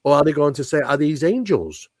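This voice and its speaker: With a slightly high voice, big pitch swings and a slightly fast pace, this interview guest sounds a little mellow in a dry recording. He is a paranormal researcher who explains paranormal ideas at length, emphatically and conversationally, often using rhetorical questions.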